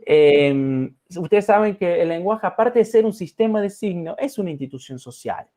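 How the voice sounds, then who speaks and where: High-voiced man giving a reflective talk. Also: animated, moderate pace, dark tone. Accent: Argentine Spanish. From Argentina. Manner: reflective, addresses listeners with frequent "¿no?" and fillers. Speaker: lecturer. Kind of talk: recorded talk to students.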